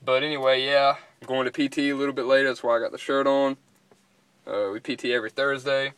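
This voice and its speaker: A man's voice: mid-range voice, level tone, fast, a bit bright, clear, resonant tone, no room sound. A young man chatting casually to camera as a vlogger. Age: young adult. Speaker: vlogger and dip reviewer. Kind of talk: casual chat. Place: inside a parked pickup truck cab.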